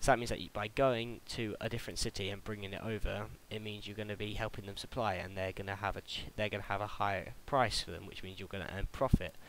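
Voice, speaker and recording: A man's voice: fairly low pitch, fairly even intonation, quick pace, few pauses, a bit bright, slight background noise, rough recording. A young British man hosting a casual game tutorial voice-over, chatty and prone to stumbling over his words. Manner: chatty, stumbles and restarts, laughs at own slips. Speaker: gaming tutorial host.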